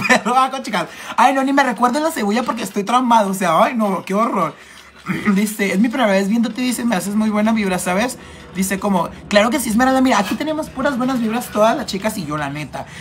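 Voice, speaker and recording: A man's voice: sits high, a little hiss or hum. Camp Mexican man with a cold. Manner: camp, flamboyant and gossipy, playful swearing. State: coming down with a cold, clearing throat. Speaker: makeup livestreamer. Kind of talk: casual live chat, reading comments aloud.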